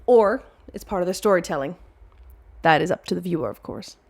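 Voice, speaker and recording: A woman's voice: lowish voice, a little fast, vocal fry, breathy edge. Musing woman, reflective video essay. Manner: musing, animated, acts out her own thoughts.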